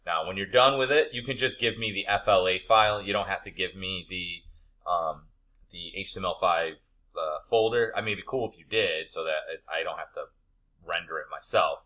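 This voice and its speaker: In a muffled recording, an animation-class instructor explains an assignment casually, speaking in a low voice at a moderate pace. He keeps things colloquial and laid-back.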